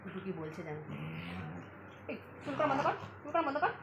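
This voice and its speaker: Woman with a Bengali accent, pet vlogger; high, animated, coaxing baby talk; noisy home recording with dogs behind. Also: quick pace. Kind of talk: casual home video talking to dogs.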